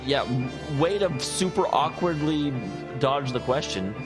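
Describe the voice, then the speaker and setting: A man's voice: fairly high pitch, expressive, unhurried. A man hosting a let's play, giving casual, rambling gaming commentary with speculative and self-deprecating asides. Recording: faint game music behind.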